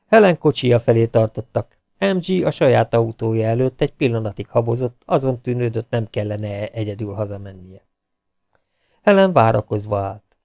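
A middle-aged man reading an audiobook in an even, measured way. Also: medium pitch, creaky, no room sound, clean studio sound. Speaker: audiobook narrator. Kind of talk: audiobook narration.

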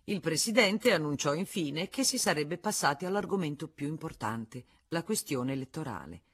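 A woman reading a classic novel aloud in expressive literary narration. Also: sits low. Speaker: audiobook reader.

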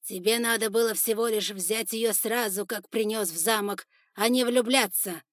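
Brief: woman doing a cruel male spider overlord, loud, raised, contemptuous, dry close read. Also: a little high, normal speed, no room sound, natural voice. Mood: scornful. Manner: shouting orders, harsh and contemptuous. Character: furious older male spider lord, cruel ruler. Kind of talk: audiobook character voice.

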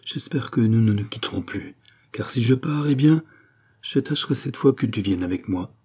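Male narrator as an anguished middle-aged doctor father; mellow, slightly husky, pleading. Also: mid-range voice, lively intonation, moderate pace. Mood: tender. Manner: emotional, pleading, rising to outbursts. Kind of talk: audiobook character reading.

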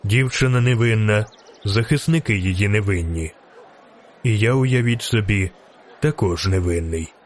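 Guy reading an audiobook doing a cool polite barber, kinda mocking, a bit low. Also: a little slow, lightly acted. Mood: coolly polite. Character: calm courteous male barber, cool and ironic.

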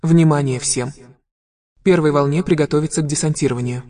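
A man's voice: fairly high pitch, fairly quick, pitched above the performer's own voice. A man voicing the metallic announcement voice of a space station AI in an audiobook, giving clipped, commanding orders and a countdown. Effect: metallic loudspeaker announcement. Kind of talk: audiobook narration.

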